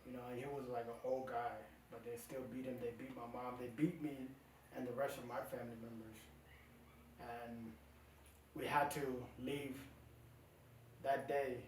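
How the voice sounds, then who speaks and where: Relaxed man from South Sudan, echoey room. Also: mid-range voice, far from the mic, slight background noise. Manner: relaxed, halting with many fillers. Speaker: musician guest. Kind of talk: casual interview talk.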